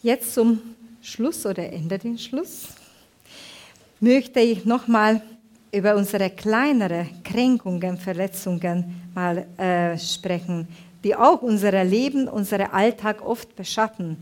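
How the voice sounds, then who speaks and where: Halting woman preaching. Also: medium pitch, darkish tone. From Hungary. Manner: halting, searching for words, many restarts. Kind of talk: sermon with personal testimony.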